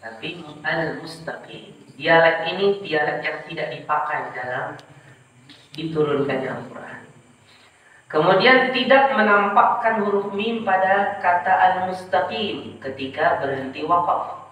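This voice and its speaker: A man teaching Quran recitation in class, modelling pronunciation slowly and quizzing his students. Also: a little high, sharp tone, slight background noise. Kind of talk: classroom tajwid lesson. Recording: echoey room, mic far off.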